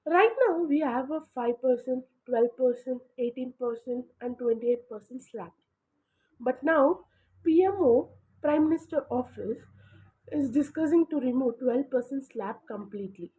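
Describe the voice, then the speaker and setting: A woman's high voice in Kannada-accented English, presenting an informal explainer. She talks in emphatic, halting phrases, and the sound is thin and narrow, like a phone line. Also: dark tone. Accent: Kannada-accented Indian English. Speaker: host of an explainer channel. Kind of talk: informal explainer addressed to viewers.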